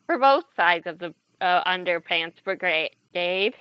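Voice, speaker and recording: A woman's voice: lowish voice, lively intonation, takes it slowly, smooth, no room sound. A woman co-hosting a game playthrough with casual chat, recorded a little dully. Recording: slightly dull, lo-fi mic.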